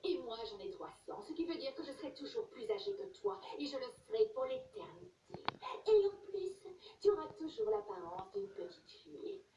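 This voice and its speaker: A woman's voice: extremely high pitch, animated, normal speed, gravelly, warm tone. A woman voicing a bossy, centuries-old vampire mother who mocks her daughter, in an amateur dub. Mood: sneering. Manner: mocking, domineering. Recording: echoey room, distant mic, noisy.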